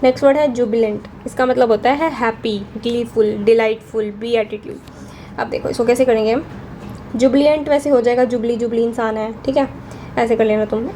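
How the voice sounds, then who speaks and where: Her pitch is fairly high and her voice mellow, with fairly even intonation, a brisk pace, and faint hiss or hum in the audio. This young teacher runs a casual Hinglish vocabulary class, staying chatty and often asking "theek hai" to check on her students.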